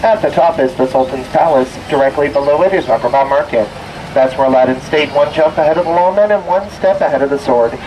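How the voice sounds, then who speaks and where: A man giving a theme park ride spiel as boat skipper, telling scripted stories theatrically with puns and drawn-out words. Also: on the high side, a little mellow, distant mic, slight background noise, rough recording. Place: outdoors on a tour boat.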